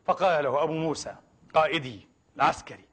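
A man delivers an impassioned sermon at a rapid clip. His voice sits high for a man and has a husky edge. He presses his points hard with emphatic rhetorical questions. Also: a bit bright. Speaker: preacher.

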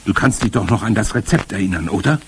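A man reading aloud plays a spirited, determined old grandmother who speaks in a brisk, emphatic and commanding way. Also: fairly low pitch, expressive, husky, full character voice. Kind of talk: audiobook character voice.

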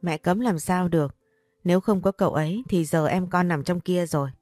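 A woman voicing a calm, reassuring daughter-in-law in a read-aloud story. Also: on the low side, normal speed, no echo, soft background music, natural voice.

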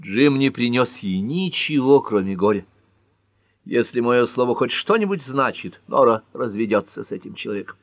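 A man's voice: medium pitch, expressive, normal speed, dry recording, pitched above the performer's own voice, natural voice. Man voicing a prim, bossy society mother. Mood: stern, prim. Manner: stiff and disapproving. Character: prim domineering middle-aged mother.

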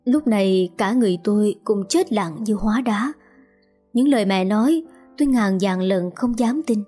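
Woman narrator, first-person story, mellow tone, faint music bed. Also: mid-range voice, normal speed, husky.

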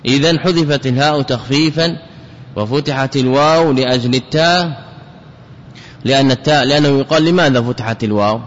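A man's voice: medium pitch, brisk. A man teaching classical Arabic grammar as a scholar, repeating key words and putting questions to his students. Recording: dull lo-fi recording with long hall reverb.

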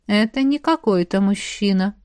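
A woman's voice: mid-range voice, normal speed, darkish tone, no echo, lightly acted. Woman reader doing an aloof storybook duke; dry, clipped. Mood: dispassionate. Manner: dispassionate, curt. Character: cold aloof male duke, grumbling.

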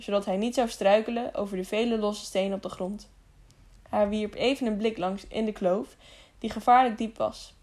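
A woman narrating an adventure audiobook in a steady storytelling voice. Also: medium pitch. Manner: even storytelling with small slips and restarts. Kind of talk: scripted narration.

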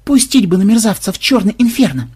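A man voicing a stubborn, brash male programmer who barks commands in a husky voice. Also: high-pitched, big pitch swings, normal speed, pitched above the performer's own voice, full character voice. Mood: bitter. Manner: loud barking commands.

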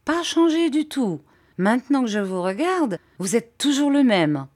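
A woman's voice: a little high, sing-song, a little slow, darkish tone, pitched above the performer's own voice. A woman reading the lines of a confident, easygoing young male student in an audiobook, in a breezy, cheerful way.

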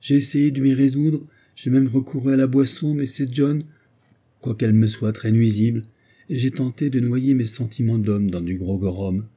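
A man voicing an agitated, tipsy, timid male doctor who pleads in a hushed, fretful way. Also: mid-range voice, steady tone, normal speed, slightly rough, voice pushed up, natural voice. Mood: plaintive.

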